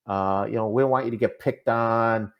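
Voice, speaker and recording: The sound is lo-fi: a man at medium pitch, speaking at a moderate pace with fairly even intonation. A casual interview guest on a podcast, he's from Minnesota, carries the local accent, and hesitates with lots of fillers and restarts.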